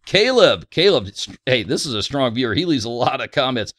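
A man's voice: medium pitch, very animated, a little fast, fairly bright tone, dry recording. A man hosting a gun channel vlog, reading viewer comments aloud in a joking, crude, self-mocking way.

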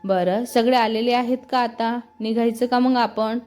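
A woman voicing a cheerful senior female colleague who speaks briskly and organizes the group. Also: on the high side, steady tone, darkish tone, soft background music, natural voice.

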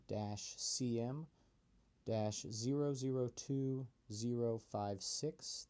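A man's voice: mid-range voice, warm tone. Man leaving a hesitant voicemail. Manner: hesitant, with many ums, reads numbers slowly. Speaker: caller. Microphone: telephone.

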